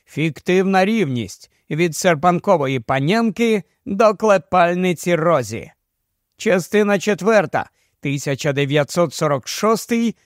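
A male narrator reads a story aloud in the first person, expressive and lively. His voice is notably high for a man. The recording is close and dry, with no room echo. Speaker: audiobook narrator. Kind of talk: expressive audiobook reading.

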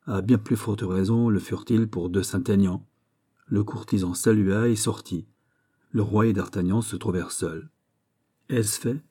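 A man reading a classic novel aloud as an audiobook narrator, in a measured storytelling manner. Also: lowish voice, steady tone, mellow, slightly rough.

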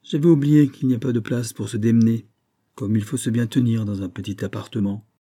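A man's voice: medium pitch, steady tone, a little fast, mellow, lightly acted. A man voicing a proud, restless young society woman who speaks with impatient, imperious vehemence in an audiobook reading. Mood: bitter irony.

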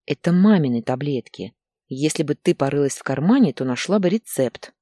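A woman reading a calm, tired young man. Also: deep voice, normal speed, dry recording, studio quality. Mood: subdued.

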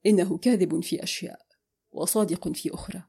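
A calm, guarded young man, voiced by a woman narrator in an audiobook novel. He speaks low and even, with a quiet bitterness under his control. The tone is dark and a little husky. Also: brisk, lightly acted. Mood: cool, measured.

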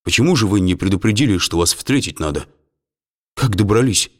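A man voicing a nervous middle-aged lawyer. He is flustered and jumpy and keeps dropping into a hushed tone. His voice swings widely in pitch. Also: expressive, brisk.

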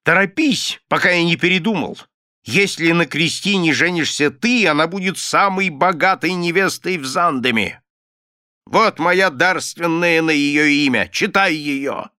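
A man voicing a grasping, bitter old male miser with a croaking voice, in an audiobook reading. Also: on the high side, a little slow, bright, forceful tone, no echo, studio quality, voice pushed up. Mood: fierce gleeful.

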